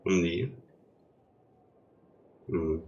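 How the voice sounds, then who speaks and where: Congested from a cold, a young male streamer chats hesitantly while setting up a gaming livestream, his low, mellow voice steady and extremely slow. The recording sounds muffled.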